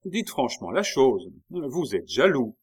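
A man voicing a proud, jealous queen who speaks with sharp irony that rises to fury. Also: lowish voice, lively intonation, unhurried. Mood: biting. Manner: sharp, biting, rising to fury.

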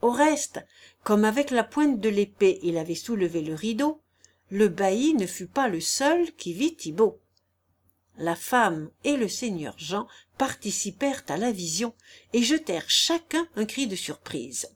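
A woman narrating a literary audiobook in a clear, measured storytelling voice. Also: medium pitch, big pitch swings. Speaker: audiobook reader.

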